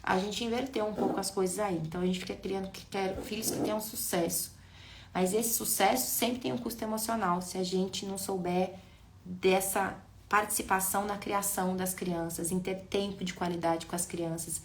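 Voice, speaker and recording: A woman's voice: medium pitch, moderate pace, slight background noise. Woman teaching in a roomy space. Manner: animated, addresses viewers directly. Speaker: neuroscience educator. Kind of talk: live-stream talk.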